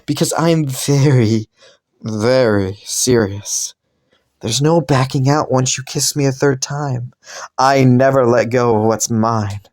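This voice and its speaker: A man's voice: mid-range voice, no room sound, studio quality, natural voice. A man voicing a seductive, possessive magical stranger who is cruel and teasing in an audio role-play. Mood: seductive menace. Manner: slow, seductive, teasing, quietly menacing.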